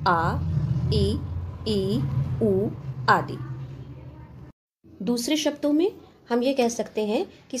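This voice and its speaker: A woman teaching a school grammar lesson in a patient, step-by-step way. Her voice sits a little high with a soft, mellow tone. She keeps asking the class questions and answering them, mixing in English terms as she explains. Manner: patient, asks questions then answers them, addresses students as children.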